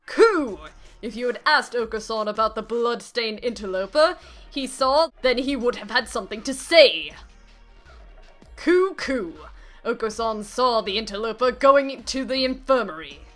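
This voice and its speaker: A boisterous male pigeon from a game, cooing between lines, given voice by a woman. He talks loud and bossy, barking orders like an old man. The tone sits high and bright. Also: expressive, a little slow, soft background music.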